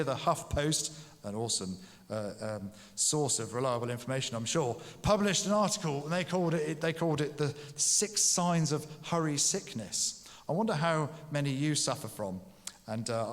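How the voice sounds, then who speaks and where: A man preaching a sermon in a conversational, jokey way. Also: on the high side. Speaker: pastor. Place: church. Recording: long church reverb.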